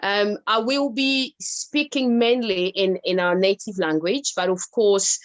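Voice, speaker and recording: A woman's voice: medium pitch, steady tone, measured pace. A young woman from the Democratic Republic of Congo, a medical doctor, speaking as a guest on a video call, hesitant with many fillers as she switches between languages. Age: young adult.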